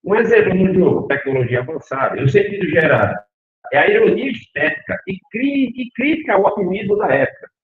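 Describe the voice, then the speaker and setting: A man's voice: high voice, fairly quick. A middle-aged man from Northeast Brazil with a Northeastern accent, giving a university lecture and often asking the audience questions. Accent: Northeastern Brazilian Portuguese. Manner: animated, asks the audience questions. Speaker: university professor. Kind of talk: lively academic lecture. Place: lecture hall. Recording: echoey hall, tinny phone-like sound.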